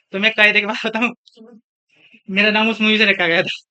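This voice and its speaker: Bright-voiced young male classroom teacher. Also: high-pitched, level tone, moderate pace, clear, resonant tone. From India. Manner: scolding, chatty, switches between lecture and anecdotes. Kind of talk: classroom lecture.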